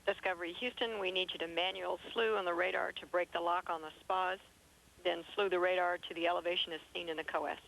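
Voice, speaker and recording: A woman's voice: lowish voice, fairly even intonation, fast, vocal fry, fairly bright tone, slight background noise. A woman making clipped mission-control calls to a spacecraft over a distant air-to-ground radio link. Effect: distant air-to-ground radio transmission. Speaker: mission control capsule communicator.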